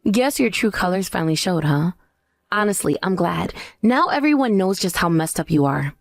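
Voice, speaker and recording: Actress as low-voiced, scornful vengeful wife. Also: female voice, animated, moderate pace, vocal fry, no room sound, studio quality. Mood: cool, scornful. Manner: taunting, cool. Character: scornful, vengeful pregnant ex-wife, coolly triumphant. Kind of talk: dramatized story dialogue and narration.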